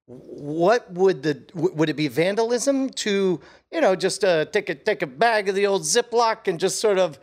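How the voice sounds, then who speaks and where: A man co-hosting a comedy podcast, talking in a halting way with many restarts and frequent laughs. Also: high-pitched, expressive. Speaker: podcast co-host. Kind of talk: casual comedic chat.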